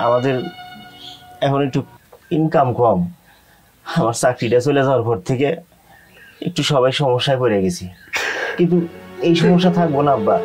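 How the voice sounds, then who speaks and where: A man's voice: medium pitch, lightly acted. A young man, playing an earnest, pleading elder son in a TV drama, with music underneath. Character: dutiful elder son, jobless and worried. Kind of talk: TV drama acting.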